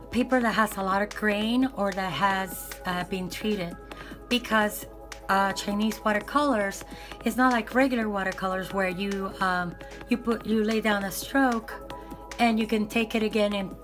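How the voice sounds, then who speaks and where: A raspy-voiced woman, worn out with bronchitis, chats casually in an ASMR unboxing vlog, rambling and often correcting herself. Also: medium pitch. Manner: rambling, hesitant, self-correcting. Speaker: art supply vlogger.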